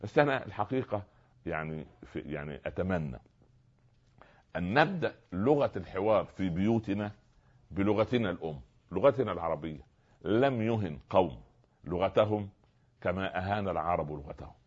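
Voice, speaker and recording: A man hosting a religious call-in show, preaching earnestly and joking gently with callers. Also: low voice, animated, fairly quick, slightly rough. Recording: dull lo-fi broadcast sound.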